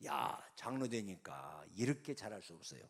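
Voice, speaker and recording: Lively storytelling male pastor. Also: fairly low pitch, normal speed. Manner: animated storytelling, acts out quoted voices. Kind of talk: revival sermon storytelling.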